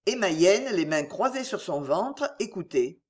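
An audiobook narrator giving an expressive, theatrical reading of a historical novel. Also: medium pitch, a little slow.

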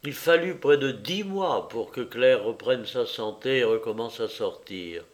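Guy reading a novel out loud, unhurried and deliberate, mid-pitched voice. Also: animated. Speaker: narrator. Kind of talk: audiobook reading.

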